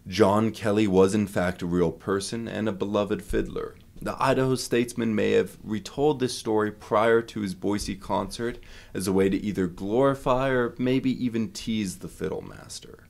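A man's voice: lowish voice, normal speed, vocal fry, a little mellow. A man narrating a local folk legend in a storytelling way, swelling for the big moments and dropping in punchy asides. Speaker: museum staff member telling local lore.

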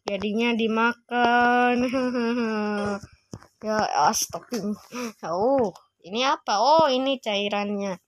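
A woman's voice: on the high side, fairly even intonation, takes it slowly, no room sound. A woman hosting a gaming channel, giving let's-play commentary, chatty and constantly exclaiming as she talks to her viewers. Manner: constant exclaiming, frequent "waduh" and "aduh"; chatty, addresses viewers as guys.

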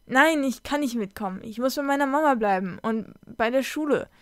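A woman's voice: high-pitched, a little fast, a bit bright, clean tone, dry recording, clean studio sound. A woman voicing a curious, stubborn young schoolgirl who speaks earnestly and pleads.

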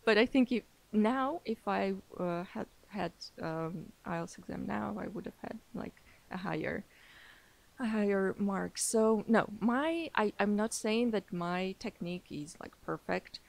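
A young woman who is a native Armenian speaker chats casually in English as a podcast guest and English teacher in an interview. Her medium-pitched voice has vocal fry and a measured pace, and she uses many fillers and restarts and laughs frequently.

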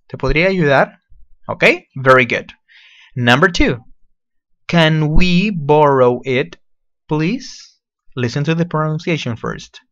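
A man teaching English to primary school children in a recorded virtual lesson, patiently repeating phrases slowly. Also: mid-range voice, a bit bright, no room sound, dull audio.

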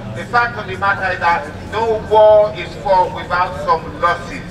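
A man's voice: sits high, steady tone, measured pace, crowd noise. A middle-aged man giving a rousing union rally speech through a megaphone, emphatic and repetitive, outdoors. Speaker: union speaker. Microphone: handheld megaphone, filmed from several metres. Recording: noisy outdoor street, distant megaphone, echo.

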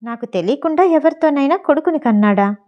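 A woman's voice: high voice, animated, brisk, muffled recording. A woman reading as a furious, ranting rich mother. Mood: angry. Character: furious scheming wealthy mother, middle-aged woman.

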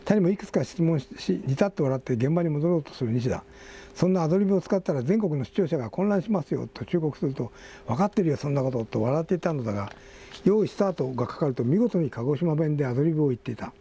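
Fast-talking older Japanese man reading articles. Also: on the high side, expressive, mellow, a little hiss or hum. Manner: reads quotes aloud with asides and self-corrections. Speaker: magazine editor and host. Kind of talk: reading magazine articles aloud in a casual talk show.

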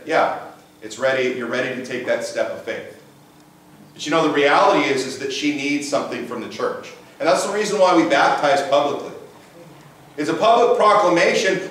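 Speaking in a slightly high, fairly bright voice, a middle-aged man with a big presence delivers a conversational sermon full of rhetorical questions. He's a pastor, captured from afar by a camera and room mic in a church sanctuary that echoes.

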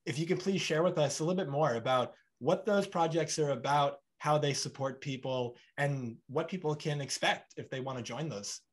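Over a video call from a bright room at home, a podcast host in his thirties conducts a conversational interview. His voice is a little high and moves at a moderate pace with hardly any pauses. He's animated, gesturing broadly and performing both sides of little back-and-forth dialogues.

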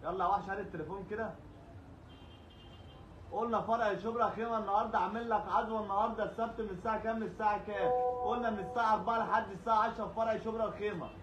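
High, rapid-fire Egyptian prize announcer man. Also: steady tone, highs cut off. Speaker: live sales host in a homeware shop. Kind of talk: live-stream sales pitch. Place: small shop, indoors. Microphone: phone camera a short way off. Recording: echoey room with faint noise.

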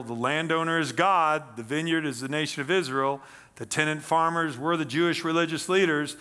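A middle-aged man preaching on a church stage, reading scripture and explaining it with animated emphasis. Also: a little high. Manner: animated, gesturing, reads scripture aloud then explains. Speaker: pastor. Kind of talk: sermon.

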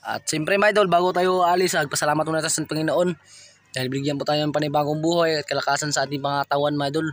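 A man with a Filipino accent narrating a casual fishing vlog from a small boat, shouting excitedly during catches. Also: a little high, fast. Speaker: fishing vlogger.

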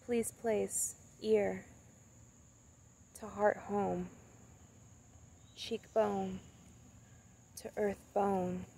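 A young woman speaking softly and haltingly into her phone in the woods, sharing thoughts and reading a poem she wrote. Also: mid-range voice, flat delivery, vocal fry, slight background noise. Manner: soft and halting, many pauses and fillers. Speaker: spoken word poet. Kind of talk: casual reflective talk and poetry reading. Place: outdoors in woods, beside a tree. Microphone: phone camera at arm's length. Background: crickets and insects outdoors.

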